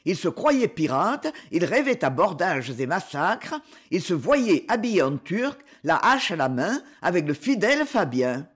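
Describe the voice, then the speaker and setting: An audiobook narrator reads a classic novel in an expressive, measured way. The voice moves widely in pitch and brings the story to life. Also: husky.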